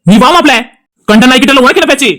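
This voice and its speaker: A woman's voice: high voice, rapid-fire, a bit bright. A woman with a Tirunelveli Tamil accent voicing an angry husband in a cartoon, who scolds his wife in a heated, insulting way while defending his brother. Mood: contemptuous. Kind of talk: cartoon dialogue acting.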